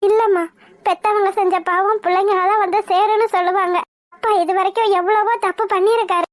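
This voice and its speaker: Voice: very high voice, steady tone, brisk, no room sound, clean studio sound. A performer voicing a grieving, devout young woman in a cartoon drama, pleading with god in anguish. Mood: sorrowful.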